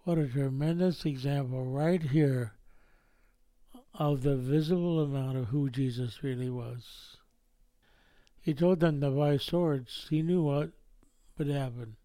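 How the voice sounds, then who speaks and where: A man's voice: mid-range voice, a little slow, long pauses, warm tone, no room sound. A man preaching a sermon in a folksy way, often ending points with tag questions. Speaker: pastor.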